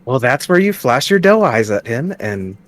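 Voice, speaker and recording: A man's voice: medium pitch, big pitch swings, normal speed. A man playing his character in a tabletop game, coaxing and scheming in a playful way. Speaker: player.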